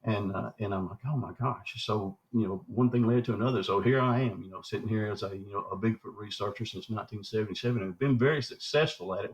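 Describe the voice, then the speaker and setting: Heard on a dull lo-fi recording, a southwestern Arkansas man in his 60s rambles through folksy stories as an interview guest, voicing the quoted dialogue himself. He researches Bigfoot and speaks in a lowish voice.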